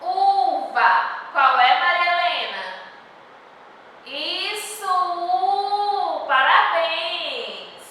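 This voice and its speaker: A woman teaches preschoolers in a slow, sing-song voice, stretching each word and cheering them on. Her voice is high and bright. It comes from a distance in a very echoey room with long reverb. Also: big pitch swings, a little hiss or hum. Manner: drawn-out words, cheerful praise and questions to the children. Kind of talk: slow, sing-song lesson to young children. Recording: echoey room heard from far off.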